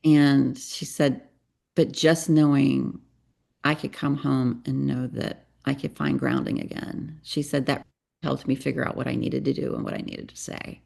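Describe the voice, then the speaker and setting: A woman's voice: a bass voice, fairly even intonation, unhurried, creaky, a little mellow. A middle-aged woman guest on a podcast, earnestly telling a personal story and acting out bits of dialogue. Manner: earnest, confessional, acts out dialogue. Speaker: guest, psychotherapist and parenting coach.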